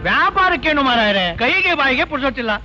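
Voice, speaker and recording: A high, sharp-voiced grumbling hotel owner. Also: male voice, animated, fast talker, heavily acted. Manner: mutters sarcastic asides to himself. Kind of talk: 1980s film dialogue. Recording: dull old film soundtrack with music.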